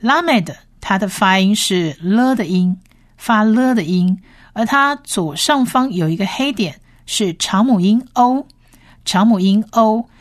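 Woman slowly teaching Hebrew pronunciation. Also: medium pitch, expressive. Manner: slow, careful syllable-by-syllable pronunciation drills. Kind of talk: radio-style language lesson.

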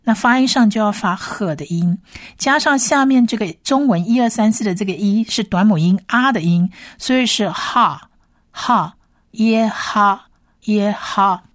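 A woman teacher walks through pronunciation letter by letter. She repeats each syllable slowly and patiently. Her voice sits in a middle pitch and is recorded dry, with no room sound. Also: lively intonation, no echo. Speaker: Hebrew teacher. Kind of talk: slow pronunciation lesson.

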